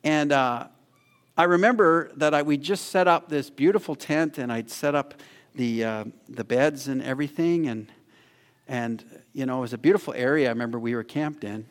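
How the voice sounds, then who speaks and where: A male preacher from Canada giving an animated sermon, often repeating words and growing louder when he urges the listeners. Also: mid-range voice, normal speed, in a large hall. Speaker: guest preacher.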